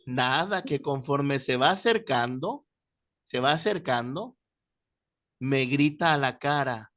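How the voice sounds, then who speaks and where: A man teaching a Bible class, telling stories with lively, animated delivery. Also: medium pitch, slow. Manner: animated storyteller, shouting out quoted voices. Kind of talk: classroom lecture with storytelling.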